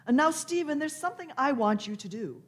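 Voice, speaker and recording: A woman's voice: high-pitched, lively intonation, fairly quick. A woman playing an imperious, eccentric elderly time-traveller in a radio play, fussy and theatrical, repeating her phrases. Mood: brisk, explanatory. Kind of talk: live staged radio play.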